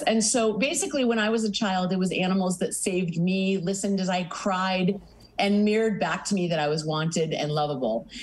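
A middle-aged woman who founded an animal sanctuary speaks earnestly in a news interview over a video call webcam, listing things in long runs. She's in a home office with pictures on the wall, and her voice is fairly low with slight background noise.

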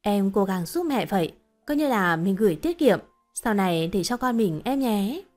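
A woman's voice: mid-range voice, very animated, normal speed, a little mellow, faint music behind, lightly acted. A woman voicing a young husband in a told story, coaxing and offhand. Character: smooth-talking young husband, flattering and dismissive.

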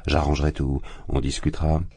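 A man's voice: a bass voice, little pitch movement, a little fast, warm tone, breathy edge, no echo, full character voice. A man voicing a sly, affable magistrate who talks with chatty, feigned good humor. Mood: jovial. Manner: jovial, chatty, feigned bonhomie. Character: affable sly middle-aged male magistrate.

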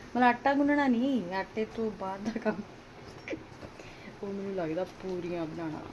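A woman with a Punjabi accent chats to her viewers in a home vlog. Her voice sits at a middle pitch and her talk is casual, full of questions to the audience. Clear household noise runs behind her. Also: moderate pace, highs cut off. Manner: chatty, addresses viewers with rhetorical questions. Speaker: home vlogger. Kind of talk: casual chat to viewers while doing housework. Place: at home, partly in a kitchen while cooking. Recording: noisy home recording with household ambience.

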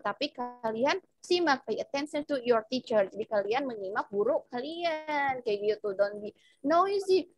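A young woman with an Indonesian accent teaching children English over a video call, switching between English and Indonesian and spelling out phrases slowly for her pupils. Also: sits high, darkish tone, rough recording. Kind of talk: online English lesson for children.

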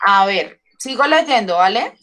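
Slow-talking affectionate woman teacher. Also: mid-range voice, expressive, sharp tone, soft background music. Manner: affectionate, calls pupils sweetheart and love. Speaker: English teacher. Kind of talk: online class teaching. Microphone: video call. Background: pupils joining in on the call.

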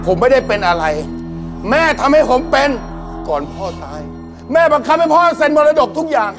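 A man's voice: very high voice, big pitch swings, a little fast. An actor playing a grieving, wronged son, plaintively accusing his mother in an overwrought comedy sketch. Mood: wounded, accusing. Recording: music behind the voice.

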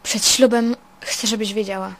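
A woman's voice: mid-range voice, steady tone, normal speed, lightly acted. A woman reading the lines of a lovesick young male vizier in an earnest, pleading way, with faint music behind.

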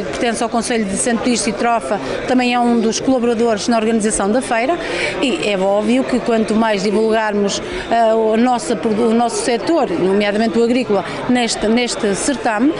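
A woman in her forties, a mayor speaking into a handheld mic in a busy fair tent, in measured, halting official phrasing. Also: on the high side. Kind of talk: on-the-spot news interview. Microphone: handheld reporter mic. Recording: crowd chatter behind.

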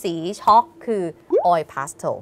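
A woman's voice: low voice, animated, drawn-out words, a bit bright. A woman from Thailand co-hosting a casual educational TV show, patiently explaining English vocabulary and modelling the pronunciation. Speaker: co-host teaching English vocabulary.

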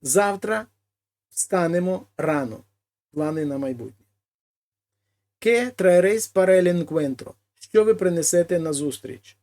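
A man teaching a language lesson: he reads each example phrase, then translates it slowly and explains it. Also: sits high, animated, a little mellow. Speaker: Spanish teacher.

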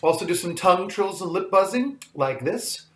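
Echoey choir coach with a morning voice. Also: male voice, high voice, lively intonation, normal speed, a bit bright. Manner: light, self-deprecating, encouraging. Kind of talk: vocal warm-up lesson.

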